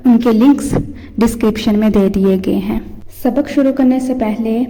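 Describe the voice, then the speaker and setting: A woman teaching Quran reading, drilling each syllable in a steady, deliberate call-and-repeat pattern. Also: on the high side. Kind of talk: slow instructional teaching with recited drills. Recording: echoey room with long reverb.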